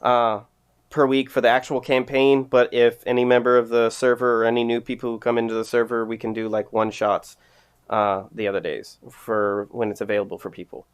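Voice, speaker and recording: A man's voice: mid-range voice, flat delivery, a little fast, clear, resonant tone. A man acting as game master, loosely rambling through plans for the next sessions in casual chat over a voice call. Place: home, streaming online.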